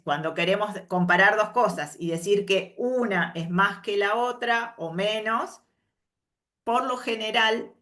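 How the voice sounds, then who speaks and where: A woman teaching an English workshop, moving between explanations and carefully spoken English examples and checking in with a soft questioning "mm?" after each point. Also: medium pitch. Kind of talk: slow explanatory workshop lesson.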